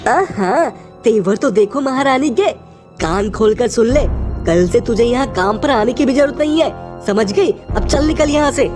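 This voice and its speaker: A woman's voice: mid-range voice, animated, moderate pace, over music, lightly acted. Woman doing a sneering rich mistress. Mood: scolding. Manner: scolding, contemptuous. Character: harsh rich woman, employer of a maid. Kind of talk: animated storybook voice acting.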